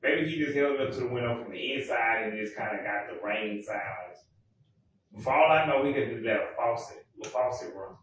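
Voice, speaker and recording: A man rambling in a casual monologue, often correcting himself and filling pauses. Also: mid-range voice, a bit bright, a little hiss or hum. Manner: rambling, self-correcting, many fillers. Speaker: music vlogger. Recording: echoey room, mic far off.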